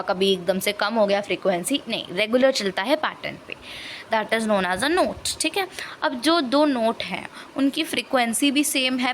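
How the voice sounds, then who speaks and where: A woman teacher explains a science lesson at an unhurried pace, her voice sitting a little high. She mixes Hindi and English and dictates answers slowly. Faint background noise sits under the recording. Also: fairly bright tone.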